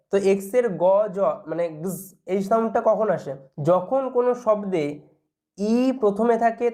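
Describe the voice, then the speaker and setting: A woman's voice: medium pitch, dark tone. A woman teaching English pronunciation in an online video lesson, patiently repeating each word and checking that her students follow.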